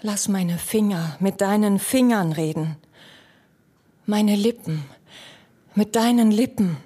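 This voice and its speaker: A woman doing a young wife pleading with her jealous husband, slow and hushed, keeps dropping to a whisper, stage monologue. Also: medium pitch, husky. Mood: tender. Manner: measured, intimate, often sinking to a whisper. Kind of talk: dramatic monologue.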